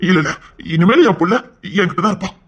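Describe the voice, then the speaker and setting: A man's voice: sits high, expressive, quick pace, fairly bright tone, slightly rough, highs cut off, full character voice. A man voicing a fond, protective father who is troubled by headaches and lost memories. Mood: tender protective. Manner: fond and protective, speaking with strain. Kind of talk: Tamil audio drama acting.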